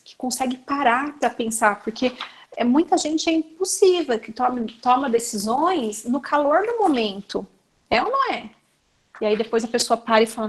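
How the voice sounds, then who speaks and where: A Brazilian woman with a Brazilian Portuguese accent, teaching a class to educators in a chatty, conversational way and often turning to her listeners. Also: on the high side. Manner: chatty, addresses the audience directly with frequent fillers. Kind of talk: conversational lecture.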